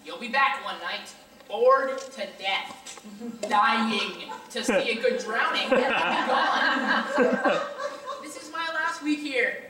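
A woman acting a brash male con man who stages fake drownings, pitching with pushy salesman patter on a school stage. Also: slow, crowd noise. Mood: huffy. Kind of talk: high school stage play. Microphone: far camera. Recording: echoey hall from far off.

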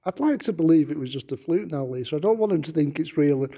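In a nighttime stone castle room, a ghost hunter with a Manchester accent courteously calls on a spirit, coaxing it with repeated pleases. His fairly high voice is expressive, dark and husky, he talks fast, and the recording is muffled.

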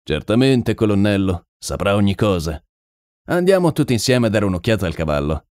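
A man voicing a calm, unflappable detective who speaks without hurry. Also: fairly low pitch, no room sound, studio quality. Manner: calm and unhurried.

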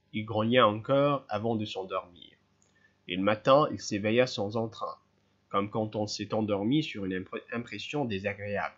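A man reading a novel aloud in a measured, storytelling way. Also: fairly low pitch, fairly bright tone, husky. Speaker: reader. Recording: slightly dull lo-fi sound.

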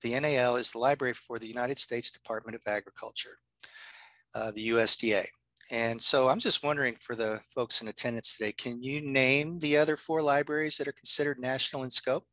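A man's voice: medium pitch, steady tone, fairly quick, sharp tone, dry recording, poor audio. A man, a university librarian, giving a chatty workshop presentation over a video call from his home office, with frequent ums and uhs.

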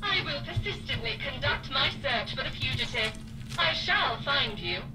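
Police robot, megaphone-like robotic voice, high, cold commands, distant. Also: female voice, animated, normal speed, very noisy. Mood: taunting. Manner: cold, formal, relentless commands. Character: menacing female police robot hunting a fugitive. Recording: echoey, distant game audio over loud music. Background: loud game music.

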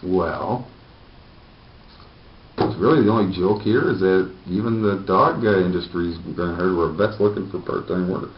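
A man's voice: low voice, moderate pace, a little hiss or hum. A man in his thirties giving sardonic, casual comic commentary as he reads aloud. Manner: wisecracking, sardonic. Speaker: host of a homemade comedic news show. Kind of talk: casual comic commentary while reading a newspaper. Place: small plain room indoors. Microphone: distant camera microphone. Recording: echoey, muffled, distant camera microphone.

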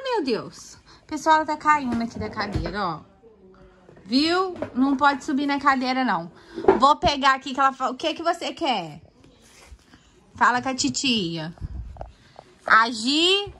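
A woman's voice: sits high, pushed and bright, slight background noise. A woman with a Brazilian accent hosting a casual home vlog from a toy corner indoors, playfully coaxing a toddler and talking to her viewers. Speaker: family vlogger host.

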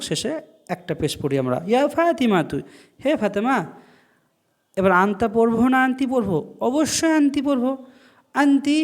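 High-voiced man teaching Arabic grammar. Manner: explains grammar, repeats Arabic phrases slowly, then translates. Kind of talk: online language lesson.

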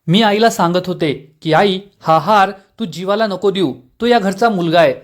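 A harsh middle-aged aunt figure tears into a family member with insults, as a man reads her lines. The voice sits high for a man and barely changes from his plain narrating tone. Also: moderate pace, natural voice. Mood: scolding.

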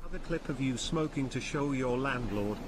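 Text-to-speech man, medium pitch, stream message read-out, very noisy game audio with gunfire behind. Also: brisk. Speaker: reader of viewer messages on a stream. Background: video game gunfire and clicks.

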